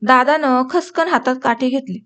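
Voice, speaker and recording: A woman narrating a novel as an audiobook, in a steady storytelling manner. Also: sits high, moderate pace.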